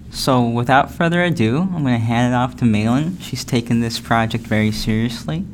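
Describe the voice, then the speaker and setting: Young man hosting a class podcast. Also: mid-range voice. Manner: relaxed, plain-spoken, a few fillers. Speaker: podcast host. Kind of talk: casual podcast intro. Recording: faint background noise.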